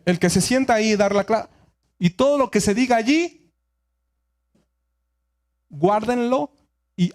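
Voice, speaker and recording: A man teaching a Torah study in a conversational sermon style, often checking that his listeners follow along. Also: high-pitched. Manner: asks the audience frequent check-in questions; explains in a conversational, repetitive way.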